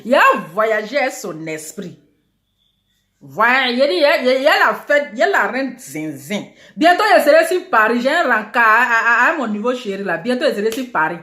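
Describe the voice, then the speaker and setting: A woman vlogger talks in a high, lively voice that swings up and down, boastful and theatrical, full of repeated catchphrases. She sounds like she's in an echoey room. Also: normal speed. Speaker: online video host. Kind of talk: casual talking-head gossip vlog.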